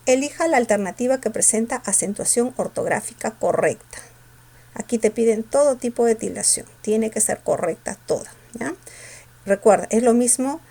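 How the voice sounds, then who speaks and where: Woman, teacher, gravelly voice, reviews exam answers, quizzes students rhetorically. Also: fairly high pitch, dark tone. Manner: asks students quick rhetorical questions.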